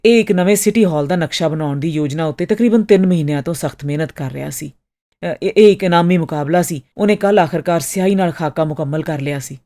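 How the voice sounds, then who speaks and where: A woman's voice: deep voice, mellow, lightly acted. A woman voicing a polite, flustered young male clerk who explains with hesitant, stumbling speech.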